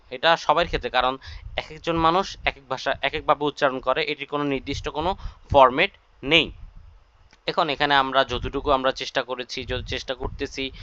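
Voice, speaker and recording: Bright, crisp man explaining a class. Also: mid-range voice, dry recording. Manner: reassuring, explaining at length with fillers. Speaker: instructor. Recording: dry, dull lo-fi sound.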